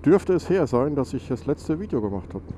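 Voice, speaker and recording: On his motorcycle out on a country road, a German man talks a little fast in a medium-pitched, very animated, mellow voice, stuffy and nasal from a cold. He is a motovlogger who rambles, corrects himself and leans on fillers. His helmet mic captures loud wind and engine noise.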